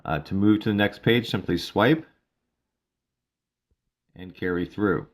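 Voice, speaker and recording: A male instructor giving a relaxed, casual walkthrough of a mobile study app, with frequent fillers. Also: on the low side, a little slow. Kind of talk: screen-recorded app tutorial.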